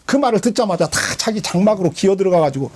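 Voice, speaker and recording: A male pastor giving a sermon in colloquial, storytelling style, retelling scripture with dramatic swings. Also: fast talker. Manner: animated storytelling, colloquial, dramatic drops in pitch.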